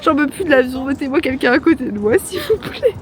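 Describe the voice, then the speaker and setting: Amid airport crowd noise, a tired young woman talks casually to camera for her travel vlog, joking in slang and using many fillers. Her high voice swings widely in pitch, and she speaks fast.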